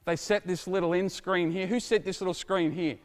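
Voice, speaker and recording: A middle-aged man coaching a basketball drill, calling out instructions and explaining to watching coaches in an energetic, lively way. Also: sits high, brisk, a little hiss or hum. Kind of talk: coaching clinic demonstration. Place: indoor basketball court. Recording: long reverb of a large gym.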